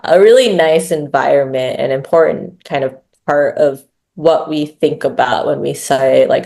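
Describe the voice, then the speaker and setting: A woman with a low voice and a gravelly, creaky edge. She talks casually as an interview guest, chatty and loose, with frequent fillers. She often checks in with tag questions. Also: mellow. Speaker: growth lead, interview guest.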